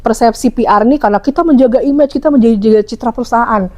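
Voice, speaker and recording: A woman's voice: on the high side, fast talker, darkish tone. A young woman from West Java with a Sundanese accent, a hotel publicist explaining her work in a casual podcast interview, with many fillers. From West Java, Indonesia. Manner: chatty, explanatory, frequent fillers. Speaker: hotel public relations officer.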